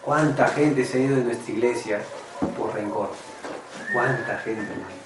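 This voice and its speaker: A man's voice: medium pitch, normal speed, reverberant, recorded from a distance, loud music behind the voice, rough recording. A man preaching a personal testimony sermon, earnest and confessional, often calling his listeners brothers. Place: church meeting room.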